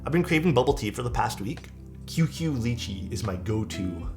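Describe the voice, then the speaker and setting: A man's voice: mid-range voice, expressive, moderate pace, music in the background. Rambling man in his thirties venting. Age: 30s. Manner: rambling, venting, frequent fillers and swearing. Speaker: keyboard-building streamer. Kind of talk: casual livestream chat reading viewer comments.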